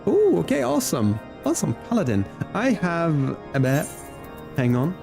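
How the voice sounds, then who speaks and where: A man live-streams a game, chatting casually and warmly with his viewers and thinking aloud as he plays. His gravelly voice sits on the high side with huge pitch swings at normal speed, and music plays in the background.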